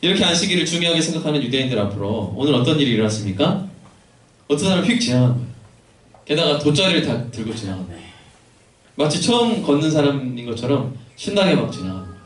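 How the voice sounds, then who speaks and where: A man's voice: medium pitch, very animated, fast. A male pastor preaching a sermon in a church sanctuary, posing questions to the congregation and adding joking asides. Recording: echoey church hall from far off.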